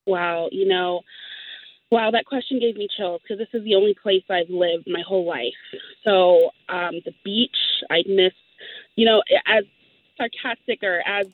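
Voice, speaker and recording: A woman's voice: mid-range voice, a little slow, dry recording. Young woman caller on a tinny phone. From Los Angeles. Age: late 20s. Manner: enthusiastic and talkative, with fillers. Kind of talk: call-in conversation. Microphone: phone line.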